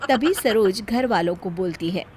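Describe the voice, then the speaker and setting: A woman narrating an animated story in a lively, expressive scripted way. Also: on the high side, unhurried, background noise.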